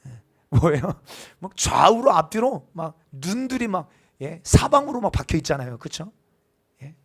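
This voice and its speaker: High-voiced male pastor preaching. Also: very animated, normal speed, slightly rough. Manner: keeps asking the congregation for responses; builds to loud, emphatic proclamation. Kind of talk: sermon.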